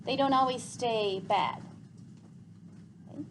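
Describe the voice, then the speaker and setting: A female teacher with a higher-leaning voice reads slowly to her class and guides a discussion. She keeps restating points, echoing and summarizing what others contribute. Background noise is clearly audible.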